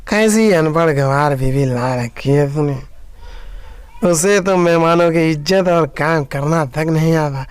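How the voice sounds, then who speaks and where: A man's voice: fairly high pitch, unhurried, clear, resonant tone, dry recording, natural voice. A man voicing a rude young male party guest who grumbles in a sneering way. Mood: annoyed. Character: rude young male drinking buddies, complaining.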